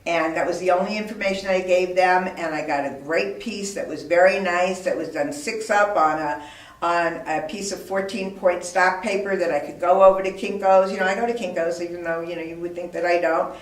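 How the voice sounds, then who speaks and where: A woman's voice: fairly low pitch, fairly even intonation, fairly quick. Echoey, distant woman giving practical advice. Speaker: business owner giving a talk to designers. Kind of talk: informal instructional presentation. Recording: roomy, echoey, distant microphone.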